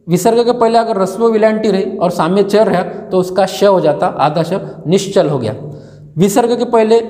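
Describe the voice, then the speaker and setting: A man's voice: sits high, warm tone. A man teaching grammar in a classroom-style lesson, quizzing the class by asking each answer back and then repeating it. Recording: echoey room with long reverb.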